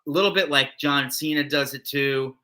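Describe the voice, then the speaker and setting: His pitch is fairly high and his pace moderate, with a pushed, bright quality, as he co-hosts a wrestling recap podcast. He chats loosely, rambling, often restarting sentences and leaning on fillers.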